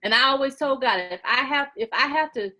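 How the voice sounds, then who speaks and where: A woman in her late forties speaks in a high, brisk, naturally loud voice, captured on a rough recording. She's a guest in a casual interview, talking earnestly and somewhat preachily and going over the same points again and again.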